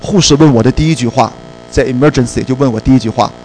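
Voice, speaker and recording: A male preacher telling a personal story in a sermon, in a lively storytelling way and slipping English words into his speech. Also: mid-range voice, fast, slight background noise, low-quality recording.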